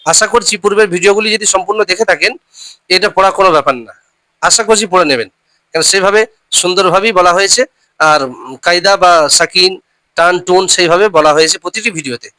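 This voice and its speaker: A man teaching a recitation lesson. He spells out letters and syllables slowly, repeats them, and keeps reminding listeners to remember the rules. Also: sits high, bright, forceful tone, no room sound, rough recording.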